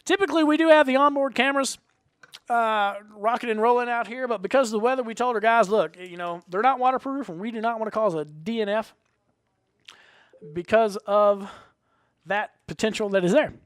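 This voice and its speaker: A man's voice: high-pitched, normal speed, no echo, studio quality. A man doing live trackside announcing at a motorcycle race in a folksy, rambling showman's manner, stretching out names and phrases for emphasis.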